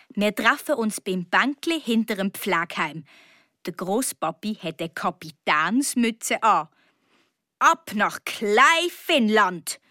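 A woman with a Swiss German accent narrating a children's story in the first person, slow and expressive in a child's voice. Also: medium pitch, dry recording, studio quality. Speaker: audiobook reader. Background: guitar music.

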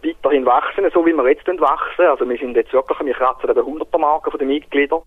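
A man talks in a short interview clip. He speaks quickly, and his voice sounds a bit husky. It comes through a narrow, phone-like band. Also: a little high, no echo. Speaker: party member interviewed.

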